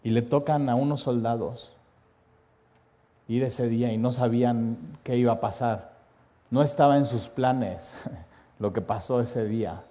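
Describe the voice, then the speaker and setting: A man preaching a sermon, telling the story dramatically, dropping to a hush and then rising loud, with repeated lists. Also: medium pitch, measured pace, long pauses.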